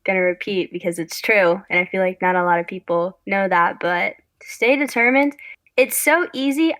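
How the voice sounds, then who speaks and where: A woman's voice: mid-range voice, a bit bright, no echo. A young woman who makes online videos, a guest on a casual podcast, chatting in a rambling way that keeps breaking off and restarting. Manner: rambling, chatty, self-interrupting. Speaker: guest, content creator.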